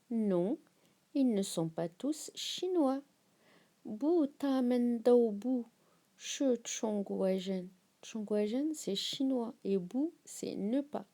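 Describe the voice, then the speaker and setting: Female language teacher, very slow, mellow tone, repeats each phrase twice for learners. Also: on the high side. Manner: says each Chinese phrase twice, slowly and clearly. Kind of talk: slow, repetitive vocabulary lesson.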